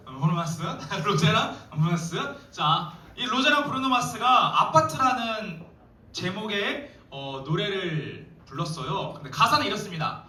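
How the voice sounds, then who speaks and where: A man's voice: high-pitched, sing-song, unhurried, bright, forceful tone. Man preaching in an echoey church hall. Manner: playful, joking, addresses teens directly. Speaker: youth pastor. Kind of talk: joking youth sermon. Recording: echoey hall, mic far off.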